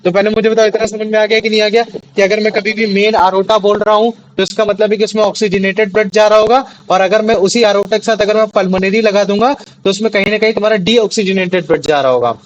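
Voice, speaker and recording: A young male teacher leads a classroom lesson, pitched fairly high for a man. He keeps circling back with questions to make sure the class follows. Faint noise sits under the recording. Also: fairly even intonation, quick pace, dull audio. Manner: repeats questions to check understanding.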